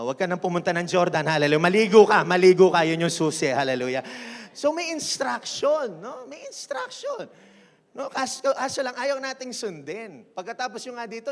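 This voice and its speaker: A man preaching as senior pastor in a church, energetic and mixing English into his sermon while calling on the congregation to respond. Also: on the high side, big-room sound. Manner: energetic, mixes English into Tagalog, keeps asking the church to respond. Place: church sanctuary.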